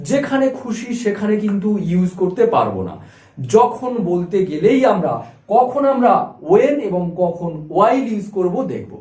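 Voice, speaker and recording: A man with a high, animated voice teaches an English grammar lesson. He explains patiently, repeating key words and spelling them out letter by letter. The room around him rings with echo.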